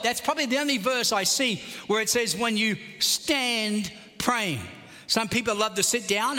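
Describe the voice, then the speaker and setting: A man preaches with a high, bright voice that rings out, leaning hard on every scripture line he reads. His sermon echoes with a long tail through a big church hall. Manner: animated preaching, reading scripture aloud with emphasis. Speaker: pastor. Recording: reverberant large hall.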